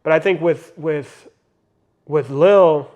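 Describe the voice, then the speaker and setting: A man's voice: fairly high pitch, takes it slowly, dull audio. A young man and father talking earnestly in a casual podcast conversation, reflecting and using many fillers. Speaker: podcast co-host.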